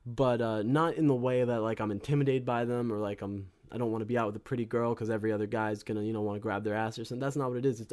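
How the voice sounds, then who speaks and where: A young man hosting his own live music stream, chatting casually between songs in a rambling, profane, self-deprecating way. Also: mid-range voice. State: out of breath.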